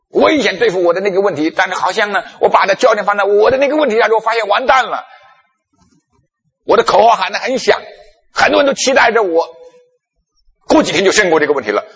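A man preaching a sermon, telling stories from his own life and acting out his past self in animated bursts. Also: a little high, breathy edge. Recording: long echo of a large hall.

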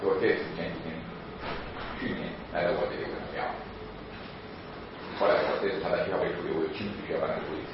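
A man giving a lively sermon-style talk on parenting, laughing often and acting out children as he goes. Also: low voice, very fast, long pauses. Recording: very echoey, dull lo-fi with faint noise.

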